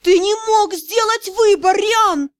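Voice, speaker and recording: A woman reading an audiobook, voicing a jealous young noblewoman who sounds shrill and close to tears. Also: lively intonation, measured pace, no echo. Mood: hysterical. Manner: shrill, pleading, near tears. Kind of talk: audiobook character voice.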